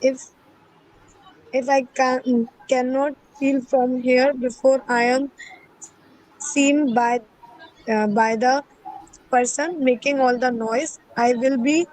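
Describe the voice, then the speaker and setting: A woman's voice: sits high, steady tone, slow pace, pauses often, darkish tone, dry recording, poor audio. A female student reading a story aloud, hesitantly and stumbling over words. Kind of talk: halting read-aloud of a story.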